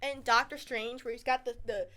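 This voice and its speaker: A woman co-hosting a podcast, chatting casually with friends, animated and laughing often. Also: fairly high pitch, normal speed. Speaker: podcast co-host. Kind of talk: casual chat among friends.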